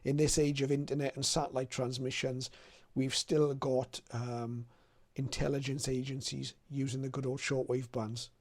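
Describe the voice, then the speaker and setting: A middle-aged or older man with a medium-pitched, fairly flat voice walks through a website demo for a shortwave radio tutorial. He talks at a moderate pace, a little mellow, explaining step by step in loose, hesitant phrasing. There's a little hiss or hum on the recording.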